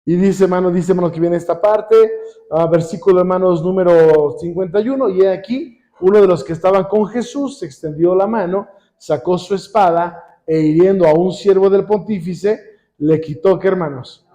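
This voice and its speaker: A man with a Mexican accent preaching a sermon, constantly asking the congregation questions and pausing for them to finish his sentences. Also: sits high, dark tone. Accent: Mexican Spanish. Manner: calls on the congregation with repeated questions.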